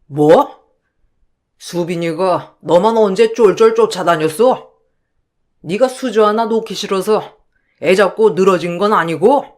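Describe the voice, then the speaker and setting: A man's voice: sits high, measured pace, pauses often. An actor playing a stern elderly father-in-law in a radio drama, roaring and scolding. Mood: bitter. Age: older.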